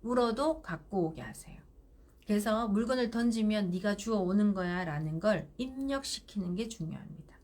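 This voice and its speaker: A middle-aged woman giving parenting advice on a live stream, firm and animated, acting out what mother and child say. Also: mid-range voice, normal speed. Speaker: parenting counselor.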